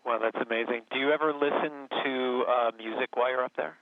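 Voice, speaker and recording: A man's voice: medium pitch, steady tone, a little fast, no echo. A man asking casual, curious questions over a radio link like a sci-fi communicator. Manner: curious, easygoing questions with fillers. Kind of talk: casual live chat. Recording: tinny dry radio line.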